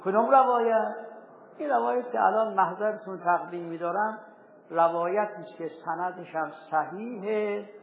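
A man teaching a seminary jurisprudence lesson, reciting Arabic texts slowly and deliberately, then explaining them in plain everyday speech. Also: sits high. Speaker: religious teacher. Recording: tinny phone-like recording with faint hiss.

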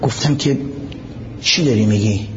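A man's voice: on the low side, big-room sound, dull audio, slight background noise. A man giving a religious lecture who recites Arabic passages, explains them and puts questions to his listeners. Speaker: preacher.

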